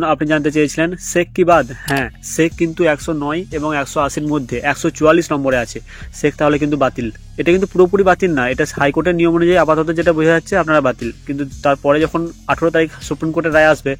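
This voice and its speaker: A man's voice: on the high side, fairly bright tone, no room sound. A young man from hosting an education channel, reading out a long list item by item in a plain, methodical explainer style. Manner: plain, methodical, reads items one by one.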